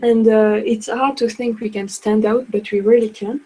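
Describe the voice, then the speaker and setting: A woman's voice: a little high, steady tone, normal speed, warm tone, breathy edge, low-quality recording. A young woman from France with a French accent, a non-native speaker, apologizing often and restarting sentences as she presents a live online workshop. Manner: apologetic, hesitant, many restarts.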